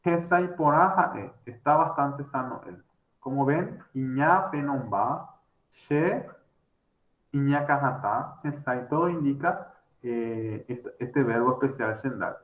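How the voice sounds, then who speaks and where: Halting male teacher in a roomy room. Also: medium pitch. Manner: explanatory, halting with many fillers and restarts. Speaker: language teacher. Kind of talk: online lecture. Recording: roomy echo.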